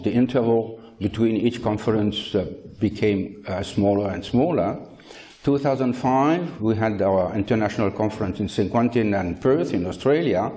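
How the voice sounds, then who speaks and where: An older man gives a conference keynote into a handheld mic, speaking in measured phrases with frequent hesitant pauses and blunt opinions. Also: lowish voice, dark tone. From France. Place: lecture hall.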